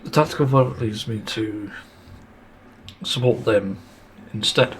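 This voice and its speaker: A man's voice: lowish voice, takes it slowly, crowd noise. Exasperated man ranting solo. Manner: frustrated, swearing, many fillers and sighs. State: sore throat, mint in mouth. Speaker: podcast host. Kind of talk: solo podcast rant.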